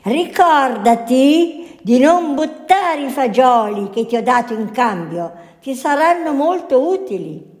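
A woman's voice: high voice, lively intonation, slow pace, a little mellow. A woman voicing a kindly, mysterious old man in a fairy tale she reads aloud. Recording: echoey hall.

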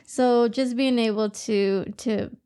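A woman in her thirties with a fairly high voice co-hosts a podcast in a relaxed, animated chat. She laughs often and drops a casual curse now and then. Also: slow pace. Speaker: podcast co-host.

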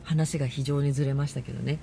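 A woman hosting a casual monologue, telling a story with lively delivery and acting out the voices she quotes. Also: extremely low pitch, fast talker, gravelly, a little hiss or hum. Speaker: podcast host.

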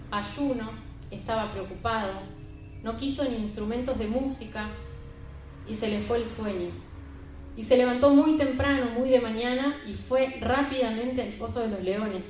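A woman's voice: on the high side, moderate pace, darkish tone. A woman preaching a sermon and retelling a Bible story in an emphatic, conversational way. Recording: very echoey room with faint music.

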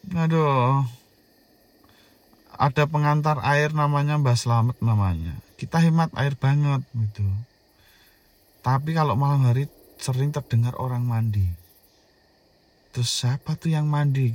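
A man in his thirties with a Javanese accent recounts a childhood ghost story. His voice sits at an ordinary middle pitch. He keeps it lively and joking, dropping to a hush for the scary parts and jumping up again for the punchlines. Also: a little slow, long pauses, dry recording. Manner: animated, jokey, swings between hushed and loud. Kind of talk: casual horror storytelling.

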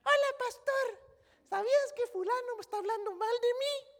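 A man voicing a whiny, petty adult churchgoer who tattles to the pastor like a small child, in a high squeaky put-on whine. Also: normal speed, a bit bright, long reverb tail. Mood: whining.

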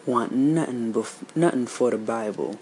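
A jumpy young boy with a high, squeaky voice, as a man reading a story puts him on. He pipes up insistently, his pitch leaping well above a normal speaking voice. A faint hum sits behind him. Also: a little slow, a little mellow, natural voice. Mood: indignant. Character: scared excitable young Southern boy.

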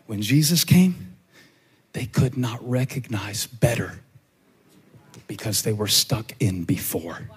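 A man preaching a sermon as a pastor, in a rhythmic style that stacks repeated phrases and climbs to shouts. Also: on the low side, animated, slow, pauses often, husky.

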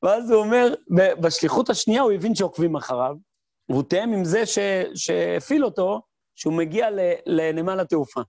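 A man's voice: high-pitched, no room sound, clean studio sound. A man giving a Torah lesson as a rabbi, telling stories with sound effects and answering his own questions. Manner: lively storyteller who mimics sounds and voices; asks rhetorical questions and answers them. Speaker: rabbi teaching a class.

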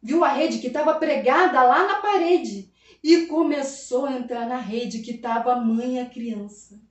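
A woman's voice: high-pitched, unhurried, muffled recording. Woman, storyteller, dramatic, talks to the audience, echoey room. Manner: dramatic, addresses listeners often. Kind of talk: oral folk tale telling to an audience. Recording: roomy, from a distance.

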